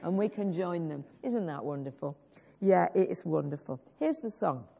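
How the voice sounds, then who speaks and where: A woman with a growly voice, on the low side, gravelly, dark, and with a breathy edge, preaches a sermon at a moderate pace with lively intonation. She earnestly urges the congregation and coaxes them to join a worship song she's teaching. The recording is dull and lo-fi.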